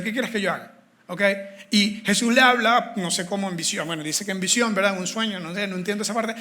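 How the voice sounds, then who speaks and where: A male preacher delivers a lively sermon. His voice sits high and sounds bright and forceful. He talks in a loose, conversational way and acts out the scripture quotes.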